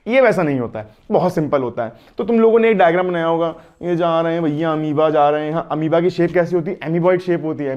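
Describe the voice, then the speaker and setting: A man's voice: a little high, a little mellow, lo-fi sound. A man with an Indian accent teaching biology in an online exam-prep lecture, chatty, mixing Hindi with English and asking his students questions.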